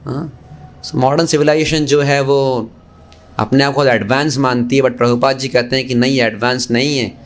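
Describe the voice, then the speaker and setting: This Hare Krishna preacher has a mid-range voice and speaks at a normal speed while giving a Gita class. Lively and joking with listeners, he throws out rhetorical questions and blends in English phrases.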